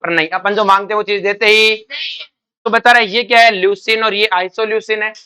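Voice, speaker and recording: Slightly fast and steady, this man's high-pitched voice is pushed and bright, clear and resonant. He teaches chemistry to exam students by quizzing them, calling them "beta," and repeating their responses in call-and-response fashion.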